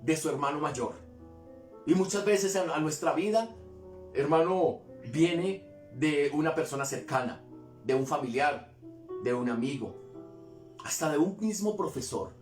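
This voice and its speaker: A man's voice: on the high side, lively intonation, unhurried, long pauses, reverberant, faint music behind. A man preaching a devotional sermon as pastor, asking rhetorical questions and repeating his points for emphasis.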